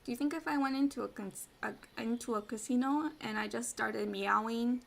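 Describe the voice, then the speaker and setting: Playful quiet-talking woman streamer. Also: on the high side, normal speed, creaky, slight background noise. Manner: playful, rambling, drifts into soft whispers. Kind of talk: quiet casual ASMR chat.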